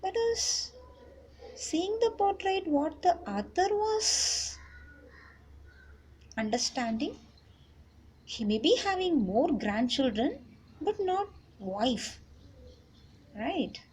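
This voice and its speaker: High-pitched South Indian woman teaching. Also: sing-song, slow, pauses often, a little mellow. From Chennai, South India. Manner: instructive, checks in with short tag questions. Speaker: English teacher. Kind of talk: explanatory lesson, reading a text aloud and paraphrasing it. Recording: noticeable background noise.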